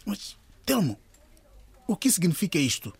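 A husky, earnest police agent. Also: male voice, high voice, big pitch swings, a little slow, heavily acted. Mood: puzzled. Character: earnest male police agent, puzzled and probing. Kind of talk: scripted radio drama acting.

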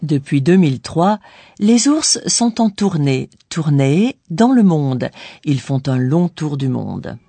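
Mellow, dry-sounding woman course narrator. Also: sits low, big pitch swings, breathy edge, dry recording. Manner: didactic, pauses on key words. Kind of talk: scripted bilingual explanation.

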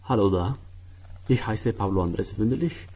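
A young man from Guatemala speaks with a Spanish accent and a mellow, slightly husky voice. He picks his words with care and slips on the grammar now and then. It sounds like a calm personal portrait. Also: on the low side, moderate pace, soft background music. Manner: careful learner German with grammar slips. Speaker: medical student, German learner.

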